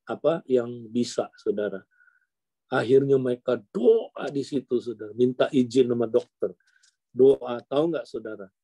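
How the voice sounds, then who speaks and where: A man preaching a sermon, telling a story in a mellow, warm voice. His tone is animated, and he keeps turning to his listeners to address them directly. The sound is dry and close. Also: medium pitch, no room sound. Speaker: pastor.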